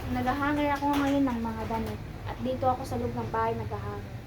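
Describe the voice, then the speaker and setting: Young woman, mom vlogger, chatty, sing-song baby talk, high voice, recorded on a phone indoors. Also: fairly even intonation, fast talker. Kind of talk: casual home vlog. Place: indoors at home. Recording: noisy home recording.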